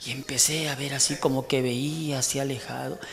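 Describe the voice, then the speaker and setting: A man's voice: mid-range voice, flat delivery, brisk, vocal fry. A man in his sixties with a Mexican accent, telling a humorous testimony in a church sermon and teasing the congregation. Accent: Mexican Spanish. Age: 60s. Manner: joking storyteller who teases the congregation. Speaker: preacher giving testimony.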